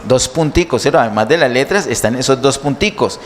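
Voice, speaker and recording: A man's voice: mid-range voice, animated, fairly quick. A man preaching a sermon in a church, teaching step by step and asking his listeners many questions. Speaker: pastor. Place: church hall. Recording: church hall reverb, faint noise.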